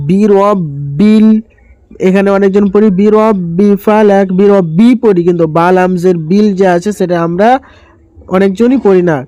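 A man teaching Quran recitation step by step, explaining each word and then chanting the verses slowly and drawn out. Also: high voice, mellow, smooth, no room sound. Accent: Bangladeshi Bengali.

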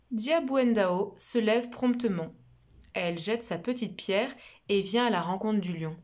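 Slow, expressive woman storyteller. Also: lowish voice. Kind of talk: children's story reading.

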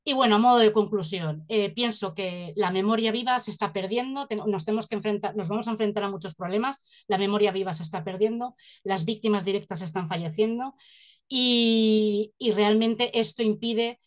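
A woman's voice: medium pitch, moderate pace. A young adult woman from Spain, finishing a formal seminar presentation over a video call, polite, with hesitant restarts. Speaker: seminar speaker. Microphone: laptop webcam on a video call.

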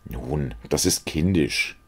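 A man's voice: extremely low pitch, lively intonation, slow, slightly rough, exaggerated voice. Man reading a cynical, witty young lord. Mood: amused, teasing. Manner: languid, mocking, epigrammatic.

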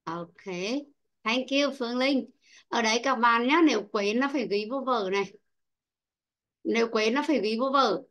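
A woman's voice: on the high side, moderate pace, a bit bright. A woman teaching an online English lesson, patiently calling on pupils by name and explaining word stress. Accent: Vietnamese.

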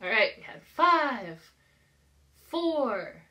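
Her voice sits high and sounds pushed and bright, moving in a sing-song way at a very slow pace. She's an American preschool teacher in her thirties giving an interactive read-aloud lesson, keeping her phrasing simple and encouraging and asking the children questions.

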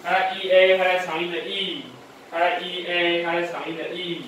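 A man's voice: sits high, flat delivery, normal speed, fairly bright tone. A man teaching English phonics, repeating each sound twice and scolding lapses in attention. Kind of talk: one-on-one phonics drill. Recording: very echoey room, voice far from mic, faint noise.

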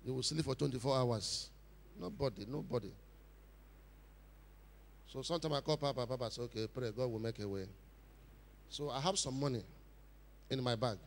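A man preaching a sermon at a church convention, surging loud for emphasis and then dropping low. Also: creaky. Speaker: pastor. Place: large hall at a church convention. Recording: long hall reverb.

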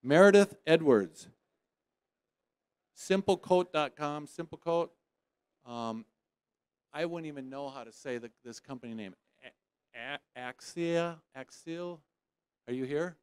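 A man runs a prize drawing at a trade show, teasing winners in a playful, joking emcee patter. His voice sits a bit high and sounds smooth and clear. The sound is dry and close. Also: slow pace, long pauses, no echo. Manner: teasing, playful, loud bursts of excitement.

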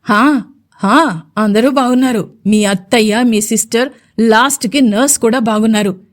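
A woman's voice: a little high, normal speed, natural voice. A woman voicing a domineering, short-tempered young husband who snaps clipped orders in a storybook audio drama. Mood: furious.

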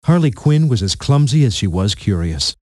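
A man's voice: mid-range voice, big pitch swings, normal speed, darkish tone, no echo, clean studio sound. A man narrating a storybook game in a playful, punning storyteller manner.

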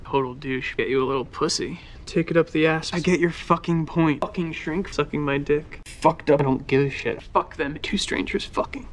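A man's voice: on the high side, normal speed, hardly any pauses, lightly acted. Foul-mouthed angry teenage boy played by a man on a swearing tirade. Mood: combative. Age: young adult. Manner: cursing constantly, brash and combative. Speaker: therapy patient. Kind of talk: TV drama acting, swearing tirade. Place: book-lined therapy office set. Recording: noisy compilation of TV clips.

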